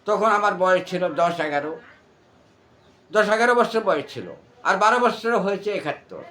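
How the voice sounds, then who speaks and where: A man's voice: sits high, animated, normal speed, bright, forceful tone. A man in his sixties with a Bangladeshi accent, answering informally in an interview with wordy, repetitive explanations. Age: 60s. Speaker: interview guest recalling village folk theatre.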